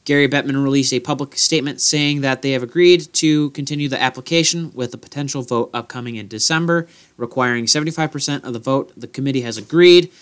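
A man's voice: medium pitch, fast talker, hardly any pauses, a bit bright, clear, resonant tone. A man hosting a podcast in casual sports talk. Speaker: podcast host.

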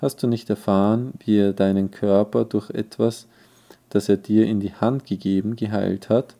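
A man's voice: fairly low pitch, little pitch movement, moderate pace, gravelly, dark tone. A man reading the part of a cunning royal vizier who speaks in an insinuating, persuasive way. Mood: scheming. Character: scheming male vizier, cunning royal adviser.

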